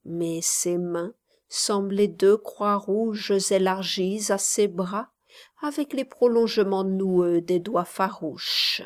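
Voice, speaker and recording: A woman narrating a literary story in a slow, measured voice that at times drops almost to a whisper. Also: medium pitch.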